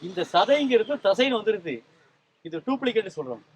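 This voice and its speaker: A high-pitched, animated man talks at a normal speed as he teaches a small group language and spelling rules. Patient and explanatory, he keeps checking in by quizzing them with repeated questions.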